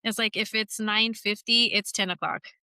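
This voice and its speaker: Bright-voiced frank woman podcast host. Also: mid-range voice, fairly even intonation, normal speed, clean tone, no echo. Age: 40s. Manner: frank and chatty, swears casually. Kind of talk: casual conversational interview.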